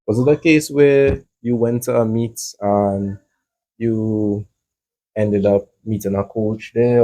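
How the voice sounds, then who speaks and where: A man's voice: medium pitch, mellow. A male host asking questions in a playful, joking way. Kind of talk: casual interview chat.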